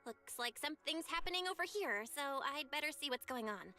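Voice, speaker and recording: A woman's voice: high voice, expressive, fairly quick, bright, forceful tone. A woman voicing a perky, playful young martial-arts disciple in a video game, earnest and cheeky. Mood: earnest, caring. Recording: music behind the voice.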